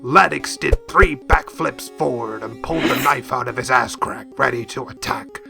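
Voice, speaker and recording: A man tells an absurd story in a dry, deadpan narrator's voice. His tone is bright and edgy with a gravelly fry at the ends of phrases, and light music plays underneath. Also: mid-range voice, normal speed. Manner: deadpan, mock-epic. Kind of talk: comic scripted narration.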